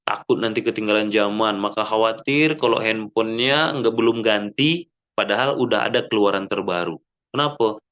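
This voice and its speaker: Male preacher, mid-pitched, conversational sermon delivery, acts out quotes, slightly dull lo-fi mosque recording. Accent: Indonesian. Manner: lively, with rhetorical questions and acted-out quotes; frequent "ya kan?" checks with the audience. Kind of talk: Islamic sermon.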